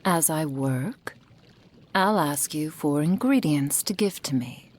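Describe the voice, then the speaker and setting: In a roleplay ASMR, a woman with a low voice and lively intonation plays a possessive kitsune witch mentor, whispering breathily in formal, archaic phrases. Her delivery is slow, heavily acted, soft and coaxing.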